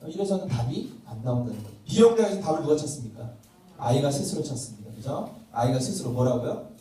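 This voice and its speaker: A mid-range, dark-toned voice with big pitch swings belongs to a fast-talking pastor running a church parenting workshop. He acts out dialogues between parents and children and quizzes the audience. Recorded from a distance in a reverberant welfare hall classroom, there's faint noise.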